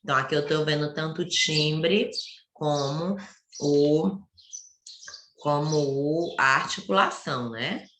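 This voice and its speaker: A woman's voice: low-pitched, normal speed, fairly bright tone, roomy sound, slight background noise. A woman teaching a primary school class online, explaining step by step and asking the children rhetorical questions.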